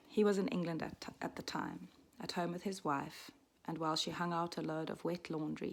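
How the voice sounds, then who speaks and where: A midwife and storyteller in her forties, raised in Switzerland, reads a personal story aloud softly and reflectively, often dropping to a half-whisper. Her voice is deep, with vocal fry.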